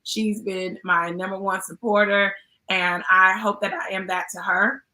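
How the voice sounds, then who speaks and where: Bright, heartfelt woman host. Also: mid-range voice, fairly even intonation, a little slow. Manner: heartfelt, affectionate. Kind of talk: panel talk, introducing a guest.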